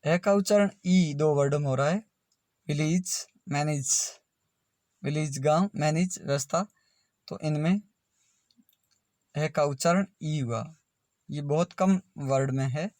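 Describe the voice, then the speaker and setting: Male pronunciation tutor, fairly high voice, very slow and deliberate, spells each word out before saying it. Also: darkish tone, dry recording, studio quality. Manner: spells words letter by letter, then says them slowly. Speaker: English pronunciation teacher.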